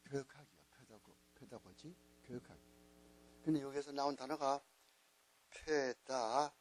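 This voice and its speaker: A man's voice: mid-range voice, brisk, a little mellow, a little hiss or hum, low-quality recording. A man lecturing a class as a Bible teacher, patiently spelling things out and repeating key words. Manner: repetitive, coaxing teacher spelling out letters. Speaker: Bible teacher at a missionary training school.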